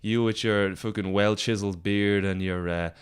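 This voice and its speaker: An Irish man in casual podcast chat with his band, his voice sitting low with a clear, smooth tone. He rambles along unhurried, restarting sentences and filling gaps as he goes. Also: fairly even intonation. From Ireland. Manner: rambling, laid-back, lots of fillers and restarts. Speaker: podcast co-host, band member. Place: at a table with bandmates.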